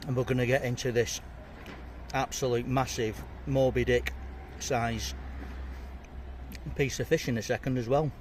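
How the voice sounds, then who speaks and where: A chatty, jokey man reviews fish and chips to camera from an outdoor table, his voice sitting at a middle pitch. Faint street and traffic noise hums behind him. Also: steady tone, a little slow. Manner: chatty, jokey, talks while eating. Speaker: food vlogger. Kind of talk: casual food review to camera.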